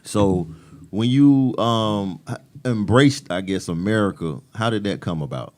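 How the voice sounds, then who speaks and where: A man's voice: lowish voice, lively intonation, a little slow, a little mellow. A man hosting a radio interview show in a laid-back, slangy way, often affirming with okay and amen. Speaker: radio host.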